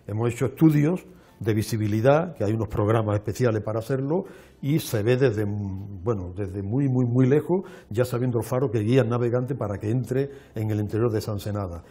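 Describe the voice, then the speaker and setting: A man, a guest explaining in a measured, lecturing way with frequent restarts on a television show. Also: fairly low pitch, mellow, slightly rough. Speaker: archaeologist guest. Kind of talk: explanatory interview talk. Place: television studio.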